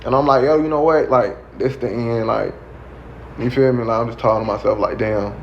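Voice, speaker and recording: Animated man telling a wild story. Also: mid-range voice, brisk, creaky. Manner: animated, acts out voices and siren sounds. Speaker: guest storyteller. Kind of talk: casual storytelling. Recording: slightly dull with faint noise.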